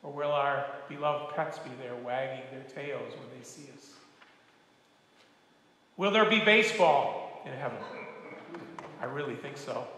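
Retired pastor preaching in an echoey church. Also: male voice, mid-range voice, measured pace, pauses often, a little hiss or hum. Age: older. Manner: gentle, folksy storytelling with humor. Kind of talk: sermon with storytelling. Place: church sanctuary.

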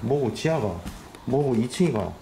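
A man's voice: mid-range voice, normal speed, creaky. Jumpy man hosting a ghost hunt. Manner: excitable, jumpy, talks to spirits aloud. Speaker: ghost hunting channel host. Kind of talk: ghost hunting vlog. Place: abandoned two-story house, indoors. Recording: echoey empty house with loud noise.

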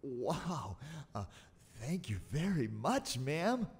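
An actor playing an excitable male TV reporter in a video game, with a husky voice and a stilted delivery that jumps from mumbling to shouting. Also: mid-range voice, slow pace, full character voice. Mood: awkward. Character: eager male TV reporter Brisco, jumpy and excitable. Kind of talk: game voice acting.

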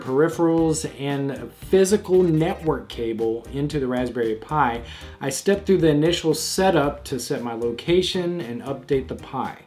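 A man hosting a tech DIY channel, giving clear step-by-step scripted tutorial narration with a light touch of humor. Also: mid-range voice, a little mellow.

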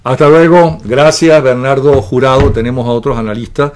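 A man's voice: medium pitch, steady tone, darkish tone. Bantering male news-show host. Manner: jokey, teasing, quick questions.

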